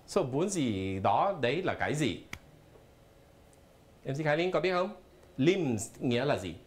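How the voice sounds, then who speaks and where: Guy teaching on a tv studio show, really animated pitch, patient, spells stuff out letter by letter. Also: unhurried. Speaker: English teacher. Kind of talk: live televised language lesson. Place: television studio.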